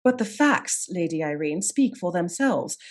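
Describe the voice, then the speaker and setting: A woman's voice: on the low side, animated, a little slow, a little mellow. A woman playing a shrewd, assured lady detective in a period radio mystery, speaking formally and articulately as she sets out her case. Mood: accusing, resolute. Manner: articulate, formal, methodical accusing delivery. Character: shrewd, composed lady detective of Scotland Yard, commanding and assured.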